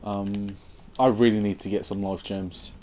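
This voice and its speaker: A young man giving casual let's-play commentary on his game, sarcastic and swearing, with sudden loud outbursts at the game. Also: on the low side, flat delivery, measured pace, slight background noise. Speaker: gameplay commentator.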